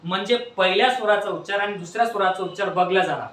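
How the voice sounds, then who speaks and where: A man's voice: high-pitched, fast talker, fairly bright tone, a little hiss or hum. A man teaching grammar in a classroom lecture, asking questions over and over and prompting his students to answer back. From Maharashtra, India. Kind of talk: classroom lecture with call-and-response. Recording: echoey classroom from far off.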